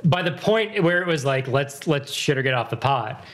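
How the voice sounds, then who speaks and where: A man's voice: mid-range voice, expressive, moderate pace. A man in his thirties chatting casually, rambling and correcting himself mid-sentence, with frequent swearing. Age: 30s. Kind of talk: casual chat.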